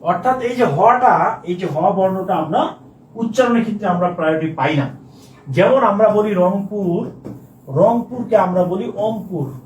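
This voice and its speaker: A man's voice: high-pitched, moderate pace. A man teaching a Bangla class online, drilling words with lots of repetition and slipping into recited romantic verse. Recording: roomy distant mic with faint noise.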